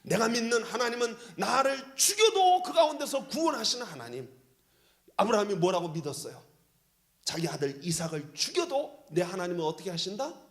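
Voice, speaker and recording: A pastor preaching a sermon with emphatic delivery that swings from loud calls down to soft near-whispers. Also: male voice, sits high.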